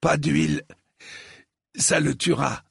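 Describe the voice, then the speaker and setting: A man voicing a wounded noble prince with a thick, metallic voice, speaking haltingly. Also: medium pitch, very animated, vocal fry, husky, no echo, studio quality, pitched above the performer's own voice, exaggerated voice. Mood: weary, strained. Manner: halting, stammering speech.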